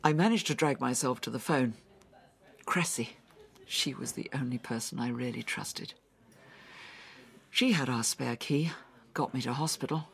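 A woman's voice: extremely low pitch, gravelly, breathy edge, heavily acted. A woman playing a haunted, whispering survivor. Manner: halting, often dropping into whispers. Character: traumatized woman recounting a brutal attack. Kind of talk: audio drama acting.

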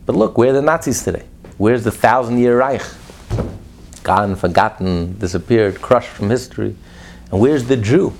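Rabbi guy preaching, gravelly voice, gets loud then drops real quiet, mid-pitched. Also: animated, moderate pace, slight background noise. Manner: emphatic, swings between loud and hushed. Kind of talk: sermon.

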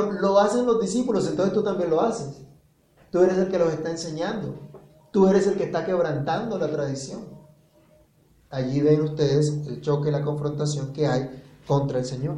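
A man's voice: fairly high pitch, dark tone. Echoey male preacher expounding scripture. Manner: expository preaching, reading verses aloud and asking the listeners questions. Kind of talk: sermon.

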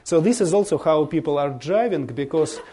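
Halting Russian-accented man, mellow voice. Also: on the high side, animated. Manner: halting, searching for words in non-native English. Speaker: bishop giving a guest presentation. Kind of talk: informal slideshow talk to an audience.

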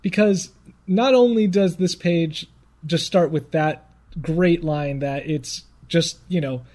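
High-voiced man ranting sarcastically on a podcast. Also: slow pace, a little mellow. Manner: sarcastic, mock-exasperated ranting. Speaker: podcast co-host. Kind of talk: casual podcast banter, reading aloud.

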